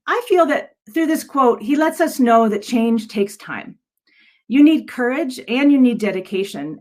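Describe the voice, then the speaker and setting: A fairly high-pitched woman with a darkish tone presents slides over a video call. She speaks earnestly yet hesitantly as an adult education director addressing a virtual event audience.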